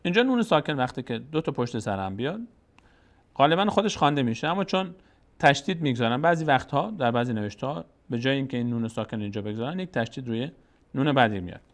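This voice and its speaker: Guy explaining recitation rules patiently, mid-pitched voice, drags out the example words. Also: animated. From Tajikistan. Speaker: Quran recitation teacher. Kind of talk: step-by-step recitation lesson.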